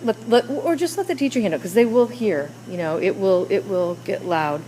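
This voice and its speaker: A woman's voice: mid-range voice, fairly quick, dark tone, slight background noise, rough recording. A woman teacher leading a classroom discussion with children, coaxing them with question after question.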